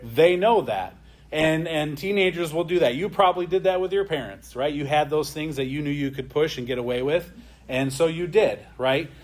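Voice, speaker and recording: Man teaching a relaxed church lesson. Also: on the high side, moderate pace. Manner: conversational, often adds a questioning "right?". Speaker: adult Bible class teacher.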